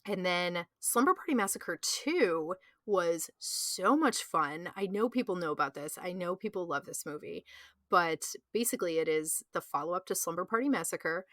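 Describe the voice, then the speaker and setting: A woman's voice: fairly low pitch, expressive, moderate pace, a bit bright, dry recording, studio quality. Chatty, enthusiastic woman podcast host. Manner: enthusiastic, chatty, filler-heavy. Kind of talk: casual chat.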